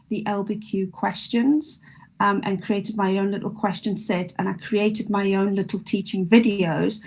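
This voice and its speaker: Her voice is gravelly and medium-pitched, with a South African accent. She's a primary school teacher taking part in an online panel, talking in a lively, chatty way with plenty of restarts.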